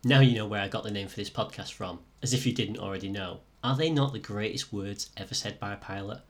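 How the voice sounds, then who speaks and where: A man with a slightly croaky, sore-throat voice, presenting a podcast as scripted first-person storytelling. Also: lowish voice, quick pace. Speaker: podcast host and student pilot.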